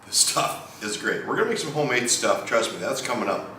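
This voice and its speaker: A man's voice: mid-range voice, lively intonation, brisk, pushed and bright. A man chatting casually to the camera as he plates food at home, playful and teasing. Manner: playful, teasing, talks to camera while plating. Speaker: home cook co-host. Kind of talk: casual cooking vlog chat. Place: home kitchen. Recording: very echoey room from far off with noise.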